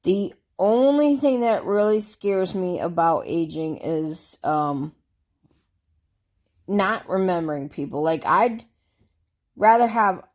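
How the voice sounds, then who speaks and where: Taking her time, a woman with a lowish voice and lively intonation chats through tag questions for her vlog. She sounds congested from a cold and rambles in a relaxed way, with fillers and asides along the way.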